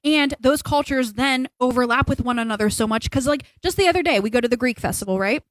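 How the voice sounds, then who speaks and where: A young woman co-hosting a podcast talks fast in a high-sitting voice, rambling casually and driving home her opinions with emphasis. It's a dry recording with poor audio.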